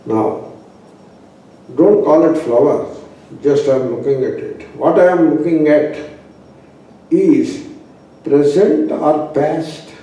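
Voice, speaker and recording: Male Indian-accented swami for a philosophy class: very mellow tone, unhurried pacing, emphatic repetition, recorded in a reverberant room. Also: on the high side. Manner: didactic, emphatic, repeating phrases. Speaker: spiritual teacher, swami. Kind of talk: spoken philosophy class with rhetorical questions. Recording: very echoey room, distant mic.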